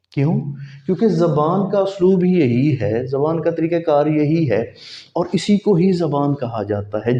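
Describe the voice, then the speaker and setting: Slow Pakistani man teaching in an echoey room. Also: on the high side, highs cut off. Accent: Pakistani Urdu. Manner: explains by asking and answering his own questions; slow, spells out letters one by one. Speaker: English teacher. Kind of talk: spoken language lesson.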